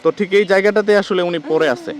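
A man's voice: sits high, fairly even intonation, racing, a loud crowd. A man vlogging at a roadside, asking urgent repeated questions and explaining to the camera. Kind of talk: street vlog conversation. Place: roadside near a rail crossing outdoors.

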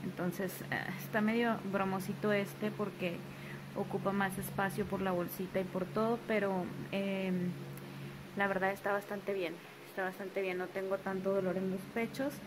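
A chatty woman, talking casually in her bedroom as a new mother vlogger. She often repeats phrases and slips into affectionate cooing. Her voice sits at a middling pitch with an even, narrow range, and steady background noise runs under the home recording. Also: normal speed.

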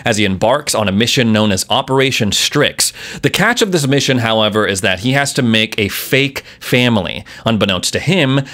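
A man's voice: mid-range voice, fairly bright tone. A man hosting a casual explainer video, enthusiastic and chatty with offhand asides. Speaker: YouTuber.

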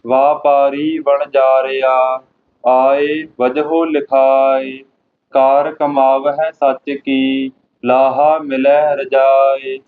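A man recites scripture in a very slow, flat chant, one line at a time. His voice has a middle pitch. The sound is tinny, like a phone line. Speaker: student reciter.

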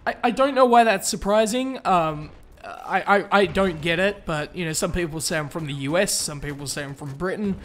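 Young Aussie YouTuber, higher-pitched man, chatty and upbeat, answering viewer questions casually. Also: moderate pace, fairly bright tone. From Australia. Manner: chatty and upbeat, with fillers and restarts. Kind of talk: casual Q&A vlog.

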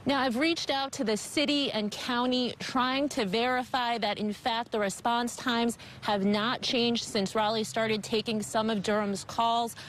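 A woman in her thirties with a fairly high voice, delivering a news report. Her broadcast delivery is measured and emphatic, over faint background noise. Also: steady tone, rough recording.

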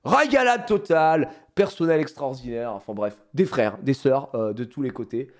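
Lively, animated man telling a story. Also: mid-range voice, moderate pace. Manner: animated, many fillers, addresses viewers directly. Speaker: YouTuber telling a holiday story. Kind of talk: casual storytelling to viewers.

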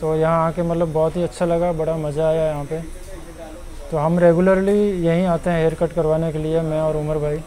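High-voiced young man giving a market tour. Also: flat delivery, moderate pace, dark tone, poor audio. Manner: chatty, points things out to viewers. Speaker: vlogger. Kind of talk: casual walking-tour vlog. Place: busy outdoor market street and shops. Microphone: clip-on lapel mic.

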